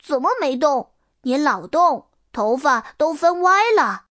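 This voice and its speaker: A woman's voice: high-pitched, expressive, slow, a bit bright, no echo, studio quality, full character voice. A woman voicing a cheerful, caring little girl in a storybook reading. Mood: chirpy. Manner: sweet, coaxing, chirpy.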